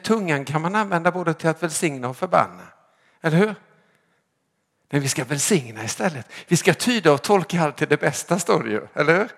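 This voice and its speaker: A man preaching a sermon to his congregation, emphatic and rhetorical, often asking "right?" and swinging between loud calling out and quiet drops. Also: high-pitched, breathy edge. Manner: emphatic, rhetorical, repeating "eller hur?".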